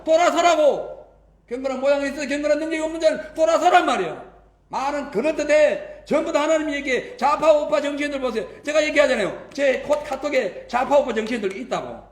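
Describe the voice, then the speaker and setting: Man, pastor, sermon, emphatic rhetorical questions, very high pitch, roomy church echo. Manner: emphatic, keeps prompting the congregation with a rhetorical "eh?". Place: church sanctuary.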